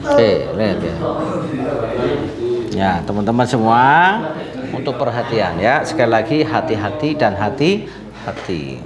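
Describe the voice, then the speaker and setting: Teasing masseur over crowd chatter. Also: male voice, fairly low pitch, animated, a little slow, long pauses. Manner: teasing, laughing, quizzes the patient. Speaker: sports injury masseur. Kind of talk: treatment demo with talk to camera.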